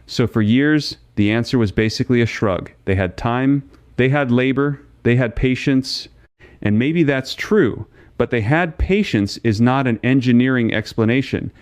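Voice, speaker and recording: A man's voice: mid-range voice, normal speed, smooth, no room sound. Man, documentary narrator, dramatic direct address, rhetorical questions, resonant voice, dry close sound.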